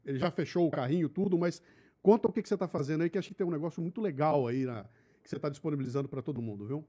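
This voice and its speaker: A man hosting a live interview, lively and informal, bantering with slang. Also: fairly high pitch, racing, husky. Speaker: host.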